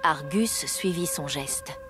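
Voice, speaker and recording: A woman narrating a storybook game in a calm, measured way. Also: low-pitched. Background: game music.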